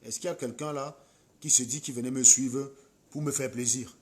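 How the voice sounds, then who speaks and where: A man with a Cameroonian French accent talks straight to his viewers on a late-night live stream. His voice sits in a middle pitch, and he scolds commenters bluntly and combatively. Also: fairly even intonation, normal speed.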